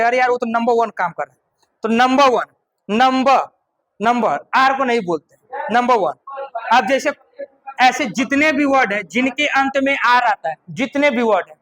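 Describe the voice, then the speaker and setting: A man's voice: very high-pitched, sharp tone, low-quality recording. A man teaching English grammar in a classroom lecture. He repeats each point, often asks "right?", and puts questions to the class before answering them himself. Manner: repeats points and keeps asking "ठीक है ना"; slows down to recite a couplet.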